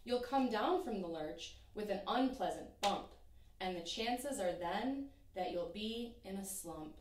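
A young woman teacher reading a rhyming children's picture book aloud in an expressive, sing-song way. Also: medium pitch, unhurried, distant mic, slight background noise. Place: small room in front of a painted backdrop. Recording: echoey room, voice from off-mic.

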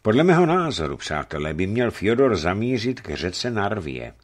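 A man voicing a tall, serious older leader who speaks in a measured, persuasive way. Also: on the low side, big pitch swings, pitched above the performer's own voice. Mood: grave. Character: tall, grave older male leader, careful planner.

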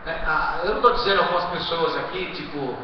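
A man preaching a sermon to his congregation, asking rhetorical questions and swinging between quiet asides and loud exhortation. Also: on the high side, fast talker, background noise. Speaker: pastor. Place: church hall. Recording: echoey hall, distant muffled live stream.

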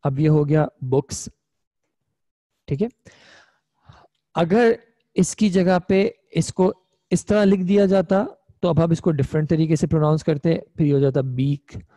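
A young man teaches an online Arabic grammar class in a fairly high, warm voice at a moderate pace, with no room sound. He is patient, explains each step in turn, and often checks in with his students by asking "ठीक है?".

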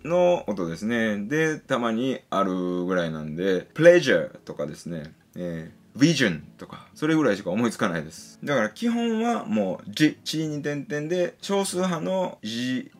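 A man giving a casual pronunciation lesson, patiently explaining and slowly sounding out example syllables and words. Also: mid-range voice, very animated, faint music behind. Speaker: English pronunciation teacher.

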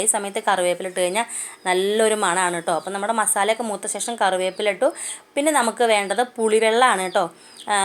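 A fast-talking woman with a Malayali accent walks viewers through a home recipe in a chatty, homely way, sprinkling friendly asides through her steps. Her voice sits at a middle pitch, and she is recorded on a phone in her home kitchen. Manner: chatty, homely, keeps adding "kettō" asides. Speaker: cooking channel host. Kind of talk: casual cooking vlog narration.

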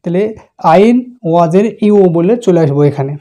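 A man with a mellow, warm tone gives a recitation lesson. He is patient and explains each letter's sound step by step. He often repeats the sounds slowly before moving on. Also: high-pitched. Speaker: Quran recitation teacher.

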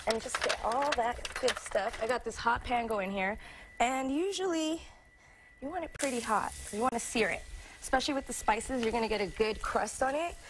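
A chatty woman chef in her thirties gives a cooking demo on a studio kitchen set. Her voice sits fairly high and she stops often to restart her thoughts. A lapel mic picks her up over a faint hum of studio noise. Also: expressive, moderate pace. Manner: chatty, hesitant, many fillers and restarts. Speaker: guest chef.

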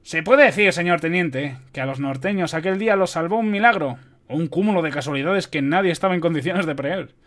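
Young cadet in a storybook reading, as a man puts him on, earnest recitation, a touch higher. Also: brisk, few pauses, fairly bright tone, natural voice. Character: eager young male military cadet reciting.

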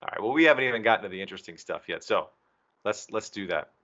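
A fast-talking man with a lowish, expressive, bright and forceful voice gives a technical presentation to a user group over a video call. He works on the documentation team and speaks indoors into a video call microphone, producing slightly dull audio.

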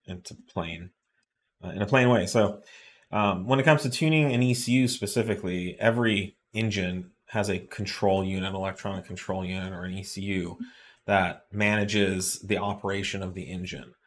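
A middle-aged host on a live chat gives a casual technical explanation of engine tuning in plain terms, with many fillers and restarts. He speaks in a low, steady voice at a moderate pace, recorded in an indoor studio with shop products on the desk.

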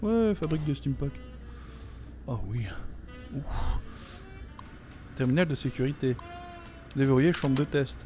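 A man's voice: mid-range voice, animated, measured pace, pauses often, warm tone. A man giving casual let's-play commentary, joking, swearing and reading game text aloud. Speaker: gameplay commentator. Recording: faint game music behind.

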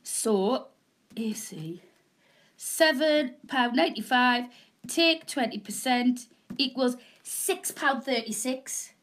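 A woman's voice: a little high, expressive, slow, a bit bright. A middle-aged woman with a Northern English accent and a cold, hosting live home shopping in rambling, jokey, chatty patter. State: snotty with a cold, coughing. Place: small indoor room. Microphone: camera mic at a short distance, no proper mic.

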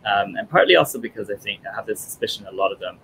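The guest, a thirtysomething man born in Italy who grew up in German-speaking Europe, speaks rapid-fire in a lowish, creaky, bright and forceful voice with lively intonation. He answers interview questions thoughtfully, with many fillers, on a video call through headphones. The recording is low quality with slight background noise.

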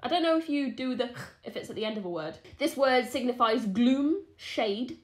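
A woman's voice: a little high, normal speed. A woman co-hosting a podcast, reading a folklore story with playful asides. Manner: lively, playful, giggly asides. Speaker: podcast co-host.

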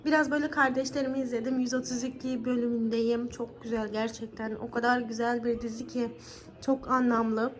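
A woman's voice: on the high side, flat delivery, fairly quick. A young woman and mother chatting casually to her viewers in a home vlog. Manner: chatty, addresses viewers as friends. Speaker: vlogger and mother. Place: family home. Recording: noisy home recording.

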